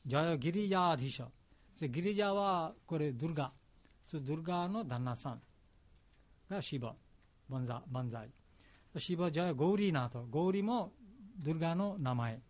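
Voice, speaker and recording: Man explaining a chant in halting Japanese. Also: a little high, animated, a little mellow. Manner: simple, halting Japanese with patient word-by-word explanations. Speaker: chant teacher. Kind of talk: explaining a devotional song to a class. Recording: dull lo-fi recording.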